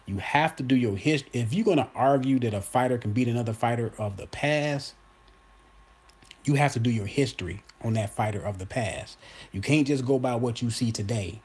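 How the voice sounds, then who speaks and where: A husky man in his early forties holds forth in a loose, unscripted monologue. He talks emphatically, circles back to repeat his points and speaks straight to the people watching. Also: mid-range voice, normal speed, darkish tone. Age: 40s. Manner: emphatic, repeats himself, addresses viewers as y'all. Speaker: boxing commentator host. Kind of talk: casual opinion monologue.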